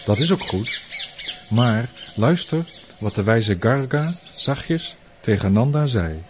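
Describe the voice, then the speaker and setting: A male storyteller reading a storybook aloud in a calm, measured voice that takes its time to explain. He speaks slowly, with a faint hiss behind him. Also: medium pitch.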